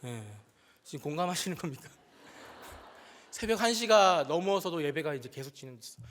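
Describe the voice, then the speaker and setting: A male pastor preaching a sermon with animated storytelling, acting out the voices he quotes and joking at his own expense. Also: a little high, moderate pace. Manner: self-deprecating humor. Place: church sanctuary. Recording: reverberant church hall.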